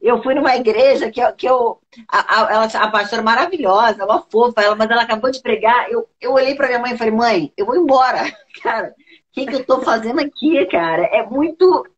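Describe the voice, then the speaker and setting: A woman's voice: fairly high pitch, a little fast, highs cut off. A woman host, talking casually and earnestly, with slang, about preaching. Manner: earnest, slangy, acts out her own inner voice. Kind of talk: casual chat.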